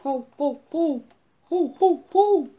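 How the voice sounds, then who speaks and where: A woman voicing a big, gruff male dog who barks loudly with booming "ho ho" sounds, in a dull lo-fi recording. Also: big pitch swings, extremely slow, heavily acted.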